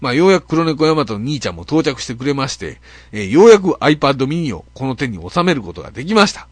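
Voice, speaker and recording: A man's voice: medium pitch, big pitch swings, fast, slightly rough, no room sound. A man with an Okayama accent hosting a net radio show, telling a grumbling, self-mocking story full of fillers. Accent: Okayama Japanese. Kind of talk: casual monologue, comic storytelling.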